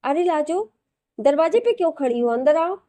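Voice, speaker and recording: A woman's voice: sits high, lively intonation, normal speed, warm tone, pitched above the performer's own voice. A woman voicing a friendly, easygoing young husband.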